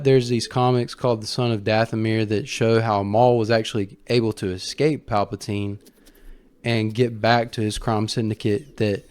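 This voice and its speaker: A man's voice: mid-range voice, a little mellow. Man telling a story with emphatic fan commentary. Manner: colloquial, fan-like asides. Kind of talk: casual storytelling commentary on a film franchise.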